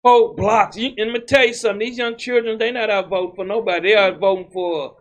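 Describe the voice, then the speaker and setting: A man's voice: sits high, steady tone, quick pace. A man preaching a loose, emphatic sermon, often repeating words and adding "man". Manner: repeats words while building a point. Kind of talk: street-style sermon.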